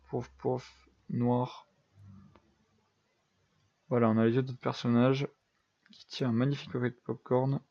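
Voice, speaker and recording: A man's voice: medium pitch, dark tone, muffled recording. A young man giving casual, self-deprecating commentary over a building game, thinking aloud with lots of fillers. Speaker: gaming YouTuber.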